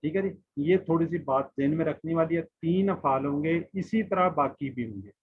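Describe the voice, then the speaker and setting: Teaching an online Quran class, this man patiently drills his students on letters and word forms and questions them. He speaks at normal speed in a slightly high, husky voice, and the audio is muffled and lo-fi.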